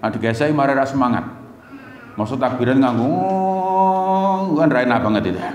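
Javanese-accented man preaching in an echoey mosque. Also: normal speed. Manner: lively storytelling, jumps to high excited voices when quoting. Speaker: Islamic preacher and lecturer. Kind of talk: humorous mosque sermon. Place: large mosque hall. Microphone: stand mic at lectern. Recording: echoey mosque hall, faint ambience.

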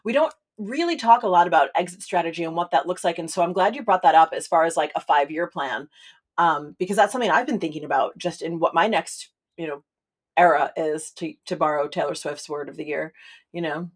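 A woman's voice: sits low, fairly quick. A woman hosting a podcast interview, talking in a chatty way and often checking in with her listener as she speaks. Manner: chatty, tags sentences with "right?" and "you know". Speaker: podcast host.

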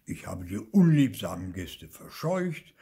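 A fat, stern old ghost with a loud, pompous, indignant delivery, as a man puts him on. His voice is husky and rough, and he drags out his words with lively swings in pitch. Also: unhurried, full character voice.

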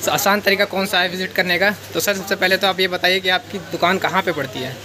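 High-pitched, fast male interviewer. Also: steady tone. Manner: inquisitive, echoes the answers back. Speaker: video host interviewing a shopkeeper. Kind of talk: casual on-location interview. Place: small indoor shop. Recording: clear ambient noise of a shop.

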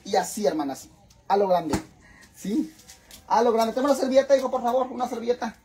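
A man's voice: very high voice, brisk, warm tone, slight background noise. A man with a Mexican accent talking in a casual cooking vlog. He is dramatic and chatty, swears freely, and keeps calling his viewers sisters. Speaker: vlogger.

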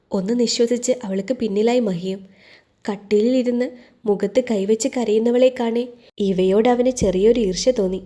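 A woman narrates a romance story in a calm, steady reading voice. Her tone is mellow and soft, set a little high.

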